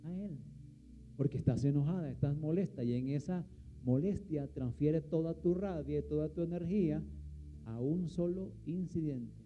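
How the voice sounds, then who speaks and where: A man's voice: on the high side, normal speed, phone-quality sound, faint music behind. A man preaching a sermon, asking the congregation questions and answering them himself. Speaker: pastor.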